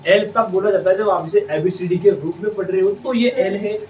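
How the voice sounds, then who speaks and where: A man's voice: sits high, steady tone, fairly quick, darkish tone, slight background noise. A man teaching English reading to children in a classroom, patiently repeating questions and drilling letter sounds. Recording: echoey room, distant mic, slightly dull.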